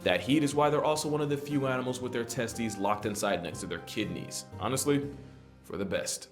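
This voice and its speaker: A man's voice: mid-range voice, fairly quick. A man narrating a nature video from a comedic script in a wry, irreverent manner. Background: guitar music.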